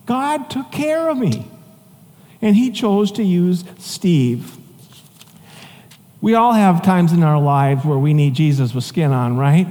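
A man preaching a sermon, telling a personal story in a conversational, animated way with asides and chuckles. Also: sits high. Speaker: pastor. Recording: long reverb of a large hall.

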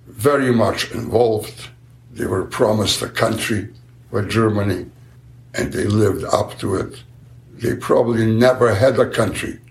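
Old guy in his 90s, low gravelly voice, halting, keeps repeating words in an interview. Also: reverberant. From Galicia, then Poland, now Ukraine. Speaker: interviewee, survivor. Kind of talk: slow unhurried answers in an interview.

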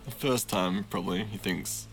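A man narrating a tabletop fantasy game as game master, in slow, measured, vivid storytelling. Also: low voice, faint music behind.

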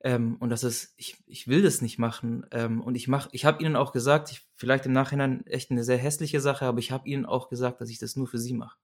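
A man's voice: medium pitch, steady tone, brisk, hardly any pauses. Earnest young man telling a personal story. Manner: earnest, searching, frequent restarts and repetitions. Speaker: guest.

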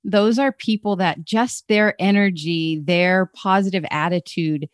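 A woman hosting an interview, encouraging and upbeat, quick to praise her guest. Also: fairly low pitch, no room sound, clean studio sound. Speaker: interviewer host. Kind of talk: friendly interview chat.

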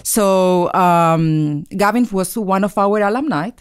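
Measured woman professor. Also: mid-range voice, clean tone, no room sound, clean studio sound. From Argentina. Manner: measured, with hesitant fillers. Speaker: engineering professor, guest. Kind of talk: interview answers.

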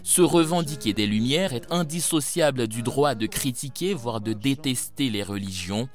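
A male narrator delivers scripted documentary narration in a medium-pitched voice. Soft music plays faintly underneath. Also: moderate pace.

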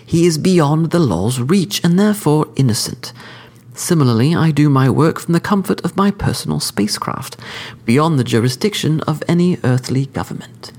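Casting note: a man doing a cordial, sophisticated killer, pitched high and lifted, lecturing with smug precision, slightly gravelly. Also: lively intonation, moderate pace, darkish tone. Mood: cordially smug. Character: suave cordial male hitman, smug, sophisticated.

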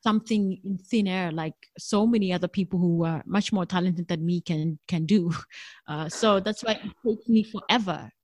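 Her voice sits fairly low with a darkish tone, at normal speed and recorded dry. She's a middle-aged South African jazz singer, not a native English speaker, giving a conversational interview in a thoughtful, frank manner and laughing easily.

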